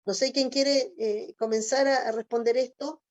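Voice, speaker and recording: A woman's voice: a little high, steady tone, moderate pace, no echo. A Chilean woman pastor hosting a church talk program, speaking hesitantly with many restarts and greeting viewers online. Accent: Chilean Spanish.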